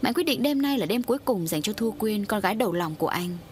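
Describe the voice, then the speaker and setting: A woman reads a scripted horror story aloud in a steady, grave storytelling manner. Her voice sits at a middle pitch, with a faint noise floor behind it. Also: quick pace. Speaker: audiobook narrator.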